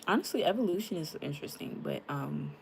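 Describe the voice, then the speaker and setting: A woman's voice: low-pitched, wildly swooping pitch, fast talker, gravelly, darkish tone, a little hiss or hum. A young woman chatting frankly with her live-stream viewers, greeting them by name and using lots of fillers, into a tablet mic. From United States. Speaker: livestreamer.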